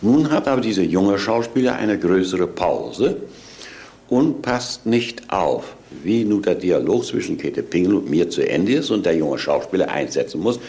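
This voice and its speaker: A man's voice: deep voice, big pitch swings, moderate pace, mellow. An older man, an actor, telling an anecdote from memory as a reminiscence. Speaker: actor recalling his radio work.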